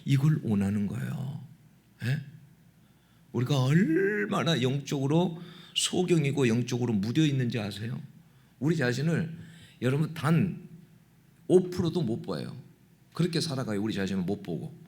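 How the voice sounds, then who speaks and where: A man's voice: mid-range voice, sing-song, normal speed, long pauses. Emphatic male pastor preaching a sermon. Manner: emphatic, prodding the congregation with rhetorical "예?" and "응?"; swings between loud exclamation and hushed intensity. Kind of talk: Sunday sermon.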